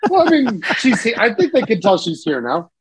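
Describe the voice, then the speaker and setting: A man's voice: high voice, huge pitch swings, fairly quick, slightly rough. Man hosting a spooky-story podcast. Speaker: podcast co-host. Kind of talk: casual chat and dramatic story reading.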